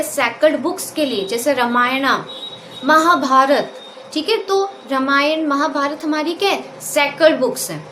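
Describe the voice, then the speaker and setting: High-voiced Indian woman teaching in an echoey room. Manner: repetitive call-and-answer questioning. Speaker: English teacher. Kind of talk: classroom grammar lesson. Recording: echoey room with faint noise.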